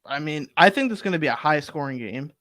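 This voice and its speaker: A young man on a sports betting show argues football picks in a casual, animated way. His voice sits a little high, and he rambles with fillers as he builds his case. The room is dry, with little echo. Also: fast.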